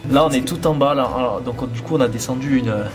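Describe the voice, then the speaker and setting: A man filming a caving trip, chatting casually and softly with friends deep underground, his voice echoing off the rock. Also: quick pace. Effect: cave echo. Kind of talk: casual banter among friends. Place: underground cave. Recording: echoey cave with music over it.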